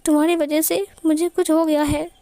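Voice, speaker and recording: A woman's voice: high voice, level tone, normal speed, warm tone, no echo. A woman voicing a tearful young man who stammers and sobs in whispers.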